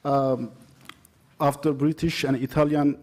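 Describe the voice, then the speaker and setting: Mellow-voiced Kurdish-accented man presenting. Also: on the high side, little pitch movement. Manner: halting, non-native English phrasing. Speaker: academic conference presenter. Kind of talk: informal conference presentation with personal anecdotes.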